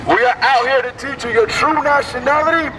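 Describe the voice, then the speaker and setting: Male street preacher, high lively voice, distant mic, heavy street noise. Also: brisk. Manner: animated, rhetorical questions. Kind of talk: street preaching, questioning a passerby. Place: outdoors on a city street.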